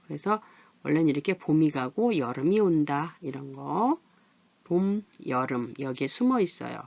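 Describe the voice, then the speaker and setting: A woman's voice: deep voice, a little mellow, no echo, dull audio. A middle-aged woman teaching a patient adult literacy lesson. She asks questions and then answers them herself.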